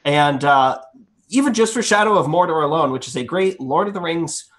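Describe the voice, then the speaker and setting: A man's voice: on the high side, lively intonation, normal speed, a bit bright. A man co-hosting a casual gaming podcast, joking and rambling through his asides. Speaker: podcast co-host.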